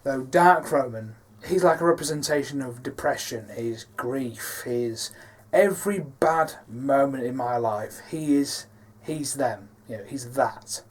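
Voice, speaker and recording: A man's voice: medium pitch, unhurried, hardly any pauses, breathy edge. Hesitant man rambling about his films. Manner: rambling, hesitant with many fillers. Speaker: filmmaker. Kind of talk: casual behind-the-scenes talk.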